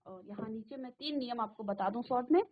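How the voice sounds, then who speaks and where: A woman's voice: on the high side, quick pace, phone-quality sound, noisy background. A woman teacher giving a classroom grammar lesson, repeating terms and asking the class questions, in a virtual classroom studio.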